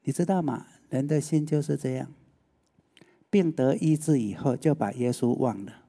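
A man's voice: mid-range voice, normal speed, gravelly, dark tone. A male preacher, giving a sermon and often putting rhetorical questions to the listeners.

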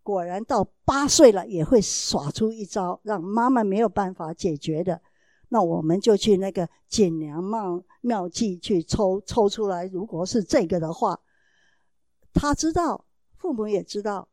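A woman's voice: medium pitch, warm tone, no echo. A mother giving a talk to parents, telling a family story in an earnest, explaining way and acting out the dialogue in changing voices.

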